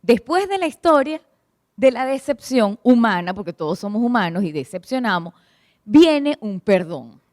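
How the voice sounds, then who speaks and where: A woman's voice: fairly high pitch, sing-song, normal speed, darkish tone, no room sound, studio quality. A woman preaching to a church congregation, asking them questions and retelling stories expressively. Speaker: church speaker at a prayer meeting.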